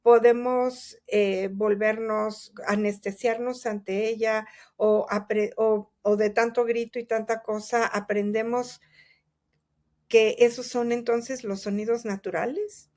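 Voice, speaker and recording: A woman, calmly explaining her ideas in an interview, with examples and rhetorical questions. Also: a little high, slow pace. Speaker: guest speaker. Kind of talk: reflective conversational interview.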